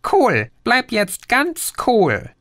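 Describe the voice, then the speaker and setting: Pushy little green dwarf , done by a male reader, pitched well up, coaxing and cheeky; storybook. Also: huge pitch swings, very slow, a bit bright, heavily acted.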